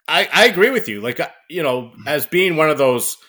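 Bright, forceful male podcast guest. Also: fairly high pitch, sing-song, a little fast. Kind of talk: casual chat. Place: barn.

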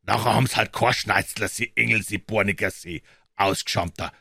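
A man voicing a coarse, quarrelsome Munich porter turned angel, in a thick Bavarian accent, shouting and cursing indignantly. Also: fairly low pitch, steady tone, brisk, vocal fry, husky, dry recording, studio quality, full character voice. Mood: bellowing, abusive.

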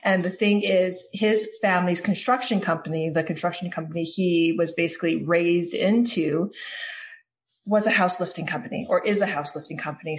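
A woman in her forties from Hawaii, a guest on a podcast, telling her story at length. She talks warmly and loosely, with fillers and restarts. Her voice sits a little low for a woman. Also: a little hiss or hum. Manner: warm, storytelling, with fillers and self-corrections. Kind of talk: interview answers.

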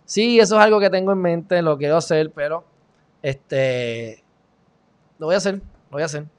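A man's voice: a little high, moderate pace, clean tone. Sarcastic Puerto Rican man ranting on a livestream. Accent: Puerto Rican Spanish. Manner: sarcastic, heated, mocking asides. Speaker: online show host. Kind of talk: casual live-stream commentary.

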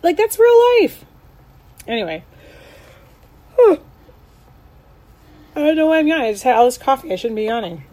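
Lively, bubbly woman. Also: high-pitched, fast talker. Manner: bubbly and talkative, laughs, trails off. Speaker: podcast co-host. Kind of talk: casual chat.

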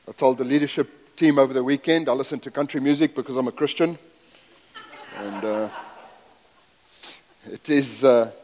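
Preaching as a guest, a middle-aged man from Zambia who grew up in South Africa speaks in a medium-pitched, slightly mellow voice. His sermon is folksy and self-deprecating, wandering off into asides, while the church sanctuary adds a long hall reverb.

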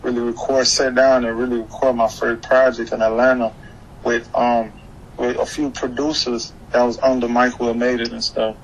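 Over obvious background noise, a young Haitian-born man from Florida, who came to the US at eleven, talks casually as a guest on an interview. The hip-hop artist uses slang, repeats phrases and says "you know what I'm saying" a lot. His voice is medium-pitched with little pitch movement, at normal speed, and the highs are cut off.

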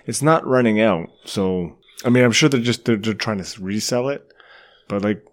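A man's voice: lowish voice, moderate pace. A man co-hosting a podcast, chatting in a laid-back, rambling way and laughing often, over beers in a cottage room with some echo. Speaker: podcast co-host. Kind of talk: casual chat over beers.

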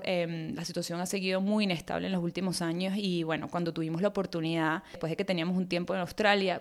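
Chatty Venezuelan woman hosting a podcast. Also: fairly low pitch. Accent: Venezuelan Spanish. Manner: chatty, warm storytelling with many fillers and restarts. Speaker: podcast host. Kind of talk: casual personal monologue.

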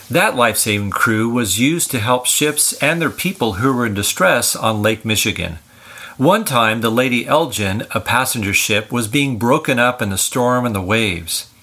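Bright-voiced older man, earnest podcast host. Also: mid-range voice. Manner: earnest, encouraging.

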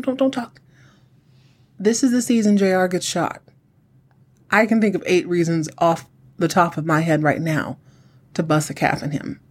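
A middle-aged podcast host with a husky voice, chatting solo in a campy, sassy drag-queen manner, sounding like a woman. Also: medium pitch, a little mellow. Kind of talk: chatty solo recap commentary.

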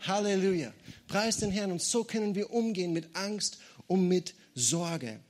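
A man preaching a sermon, lively and jokey, often breaking into calls of praise. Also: high voice, unhurried.

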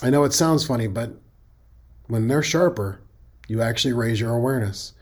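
A man's voice: mid-range voice, normal speed, darkish tone. A middle-aged man with a Midwestern accent, hosting a safety podcast in a folksy, conversational monologue that now and then corrects itself.

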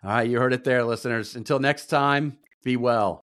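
A middle-aged man co-hosting a podcast in casual chat, with relaxed, easygoing banter. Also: medium pitch, normal speed, clean tone, no echo, studio quality. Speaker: podcast co-host.

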